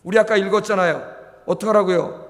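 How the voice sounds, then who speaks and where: Speaking fast in a high-pitched, steady voice, a middle-aged male pastor preaches a sermon at a Friday prayer service. He presses the congregation with rhetorical questions and prompts them to reply, all under the long reverb of a church sanctuary hall.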